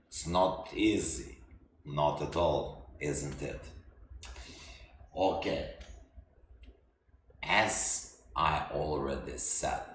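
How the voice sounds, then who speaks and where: A man who is not a native English speaker teaches a language lesson in halting English, repeating himself with many fillers. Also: rumbling low. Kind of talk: slow spoken language lesson. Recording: echoey room with faint noise.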